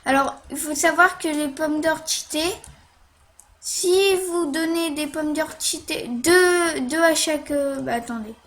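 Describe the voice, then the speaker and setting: A woman's voice: high voice, a little slow, fairly bright tone. A woman talking through a casual game tutorial while she plays, hesitant, with many fillers and little "hop" sounds as she clicks.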